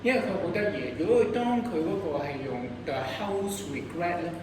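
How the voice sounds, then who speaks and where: A debate coach with a Hong Kong accent runs an interactive class on rebuttals, explaining points and asking students questions along the way. His or her mid-range voice swings widely in pitch at a moderate pace. The noisy recording was made far from the microphone in an echoey room.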